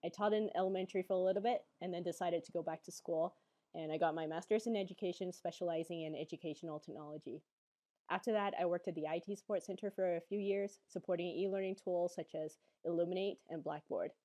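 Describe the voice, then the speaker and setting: A woman from Hong Kong talks casually on a podcast from her home office. Her voice sits a little low. She chats along, leaning on "like" and "um" fillers. The recording is dry, with no room sound. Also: steady tone, fast talker, warm tone, no echo. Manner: chatty, leans on "like" and "um" fillers. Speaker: online learning lead and co-host.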